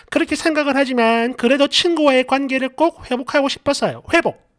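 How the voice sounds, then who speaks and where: Man, middle-aged, story channel host, sarcastic commentary, animated pitch, desk mic, small room. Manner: lively, sarcastic reactions to comments. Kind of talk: reading viewer stories aloud with commentary.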